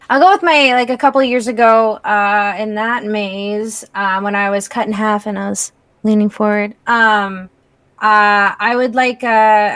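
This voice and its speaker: A woman's voice: medium pitch, fairly bright tone, dry recording. Hesitant young woman, dry close sound. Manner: hesitant, lots of ums, laughs easily. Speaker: guest. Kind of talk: casual chat.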